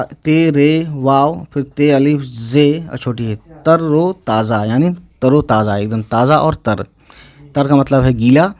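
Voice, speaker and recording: A man teaching Urdu reading online, slowly spelling each word letter by letter and repeating it, with frequent check-ins to his viewers. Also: medium pitch, a little mellow. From India.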